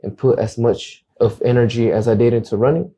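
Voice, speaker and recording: Appearing as a guest realtor in a casual interview, a young American man who grew up speaking Acateco talks earnestly and frequently repeats words when starting a thought. His medium-pitched voice is husky and dark in tone, and he speaks fairly quickly.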